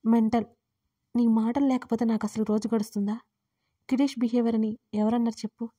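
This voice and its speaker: A woman voicing a gruff, teasing young husband who scolds and jokes in quiet banter. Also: on the high side, flat delivery, brisk, no echo, natural voice. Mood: affectionate.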